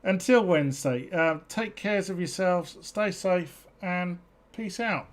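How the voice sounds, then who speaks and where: This show host speaks slowly in a lowish register, her British accent carrying a slight South African twang. The chat is relaxed yet halting, peppered with ums and false starts.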